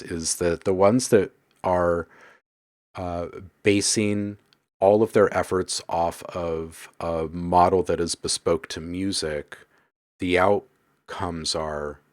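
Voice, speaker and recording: Deep-voiced man chatting on a stream. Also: slow pace. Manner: reads viewer comments aloud and muses on them; mutters while editing sounds. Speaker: live-stream host and sound designer. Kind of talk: casual live-stream chat.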